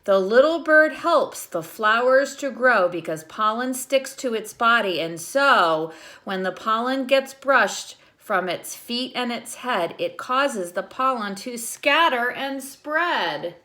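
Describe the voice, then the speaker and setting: In a fairly high-pitched voice, a woman reads a children's picture book slowly, in the manner of a teacher. She gives the story expressive life and slips in brief asides that explain things to the kids.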